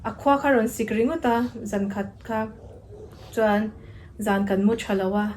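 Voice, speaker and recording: A woman's voice: on the high side, moderate pace, darkish tone, slight background noise. A young adult woman vlogger, talking casually and chattily as she explains things to her viewers. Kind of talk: casual vlog chat.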